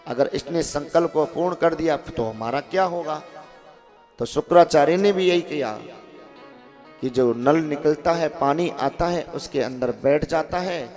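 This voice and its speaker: Male kathavachak, animated and conversational, keeps prompting the crowd; faint music underneath. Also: on the high side, unhurried. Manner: animated, questions the audience often, calls out to listeners. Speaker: kathavachak preacher. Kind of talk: devotional katha sermon. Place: ashram hall with a seated audience.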